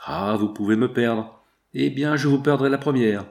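A man's voice: mid-range voice, normal speed, creaky, a little mellow, natural voice. A man voicing a delirious young woman thief who shrills her accusations in an audiobook reading. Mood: frenzied accusing.

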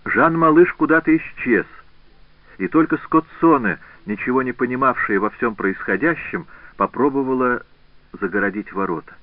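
A man narrating a historical novel as an audiobook in a measured, expressive reading. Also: medium pitch, dry recording. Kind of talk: scripted narration. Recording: tinny phone-like band, dry.

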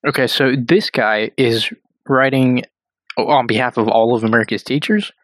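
A man hosting a radio talk show in casual chat, teasing his co-host with quick banter and frequent laughs. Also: medium pitch, steady tone, fairly bright tone, no room sound.

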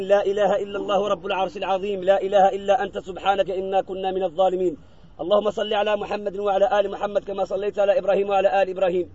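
High-voiced man leading fervent graveside prayers. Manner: fervent, rhythmic repetition of supplications. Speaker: preacher. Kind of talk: graveside funeral sermon and supplication. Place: outdoors at a cemetery. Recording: muffled outdoor recording with crowd. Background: mourners answering amen.

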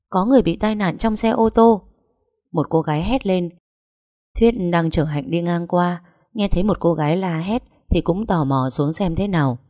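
Một người phụ nữ đọc truyện theo kịch bản, giọng đều đặn. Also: female voice, low-pitched, dark tone, no room sound, studio quality. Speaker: storyteller. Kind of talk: scripted audiobook narration.

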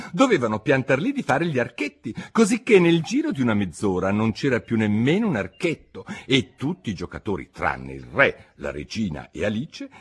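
A man narrating an audiobook in a theatrical, expressive manner. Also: fairly low pitch, slightly rough.

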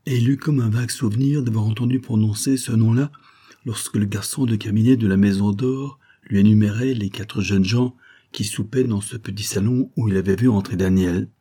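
A man narrating a classic novel as an audiobook, in a measured, formal storytelling manner. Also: lowish voice, dark tone. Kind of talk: scripted narration.

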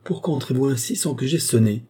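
A man's voice: mid-range voice, a little fast, warm tone, breathy edge, pitched above the performer's own voice, lightly acted. A man voicing an impatient, irritable marquis who speaks curtly in an audiobook. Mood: irritated. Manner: curt, exclamatory. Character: adult male marquis, impatient, irritable nobleman.

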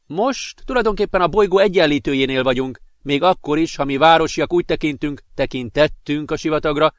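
An earnest young alien woman, voiced by a man in a spoken storybook, set somewhat above the reader's normal pitch. She speaks in a steady, explanatory way, and the recording is dry and close. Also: no echo, lightly acted.

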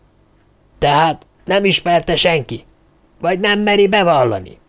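A man reading a blustering old male dwarf leader, loud and demanding. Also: fairly high pitch, voice pushed up, natural voice. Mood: gruff demanding. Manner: loud, demanding, bangs on the table.

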